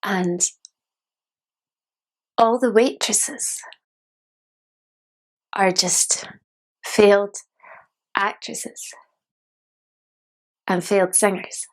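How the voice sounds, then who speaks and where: A woman performs a solo dramatic monologue as a disillusioned young dreamer, speaking reflectively and deliberately in short, broken phrases. Her mid-range voice sounds bitter, and the audio is poor.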